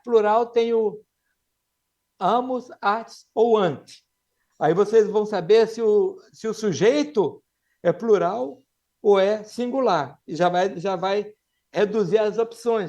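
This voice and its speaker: High-voiced Brazilian man teaching Latin. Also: dark tone. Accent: Brazilian Portuguese. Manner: patient, drills students with questions; repeats and slows words to model them. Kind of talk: live classroom lesson.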